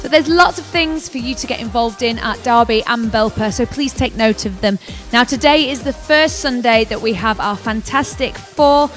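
A woman's voice: a little high, moderate pace, few pauses. A young woman presenting church news announcements into a handheld mic in a church café, upbeat and inviting. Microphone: handheld microphone. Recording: music bed behind voice.

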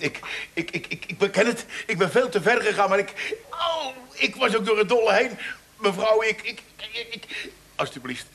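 An actor playing a pompous village constable who blusters and stammers, on old television audio. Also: male voice, high voice, creaky, sharp tone, reverberant, heavily acted. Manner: blustering, stammering when scolded. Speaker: village policeman. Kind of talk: 1960s TV comedy acting.

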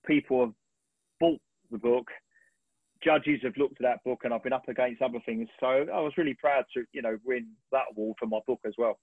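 A man in his fifties, a sports photographer, telling animated stories on a webinar and often clearing his throat. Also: medium pitch, brisk, no room sound. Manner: animated, rambling storyteller with frequent throat clearing. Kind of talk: relaxed anecdotal storytelling on a webinar. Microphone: video call. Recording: tinny, dry video-call audio.

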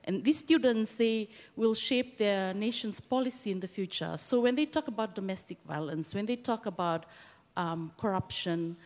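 A woman's voice: medium pitch, moderate pace, a little mellow. Lecturer lady from fiji talking into a handheld mic, earnest, lots of restarts, long hall echo. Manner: earnest, hesitant with many restarts. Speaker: university lecturer, audience member. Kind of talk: speaking from the floor at a workshop. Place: large semi-open hall with audience.

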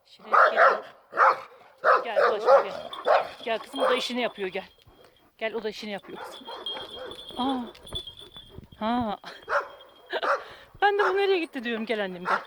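A woman's voice: on the high side, lively intonation, moderate pace, long pauses, very noisy. A woman on a walk outdoors, chatting casually and calling to dogs in a coaxing, affectionate voice, recorded on a handheld phone. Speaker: vlogger walking her dog. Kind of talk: casual chat, talking to dogs. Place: outdoors on a country path.

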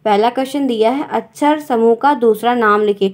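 A woman's voice: on the high side, normal speed, darkish tone. A woman teacher, giving an exam-prep grammar lesson and explaining step by step while checking in with her students.

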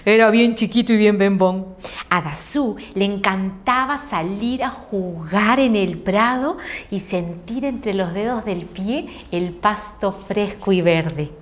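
A woman's voice: medium pitch, takes it slowly. A woman telling a children's story playfully, with sound effects.

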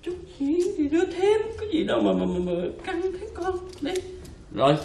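A pompous blustering philosopher master. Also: male voice, extremely high pitch, sing-song, normal speed, gravelly, darkish tone, slight background noise, full character voice. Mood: haggling. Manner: theatrical, blustering, stammering when flustered. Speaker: stage actor. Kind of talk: comic stage play. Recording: echoey stage recorded from far off.

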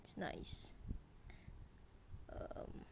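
A woman's voice: drawn-out words, whispered. A woman giving casual let's-play commentary, chatting to viewers as she plays. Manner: chatty, talks to viewers while playing. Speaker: gameplay commentator.

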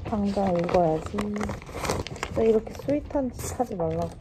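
A woman's voice: medium pitch, lively intonation, normal speed. A young woman chatting casually for her vlog about her food, right after sipping soup. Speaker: intern vlogger. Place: busy company cafeteria. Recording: loud crowded cafeteria noise.

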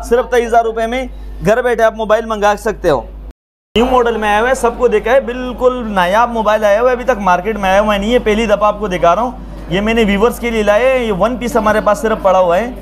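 A man with a Pakistani accent giving an eager, repetitive sales pitch to camera as a mobile phone shop seller. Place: small open-fronted mobile phone shop stall.

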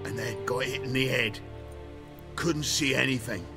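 A wounded, loyal soldier in a video game. He speaks slowly and haltingly in a gravelly, weary voice, with music behind him. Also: medium pitch. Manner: halting, laboured phrases. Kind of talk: video game drama acting.

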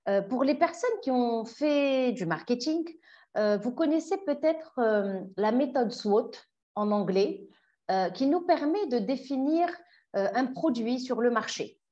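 A woman coach leading an online self-knowledge workshop, lively and asking many questions. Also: a little high, a little slow. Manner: warm, lively, asks the audience many questions. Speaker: personal development coach. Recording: dull lo-fi audio.

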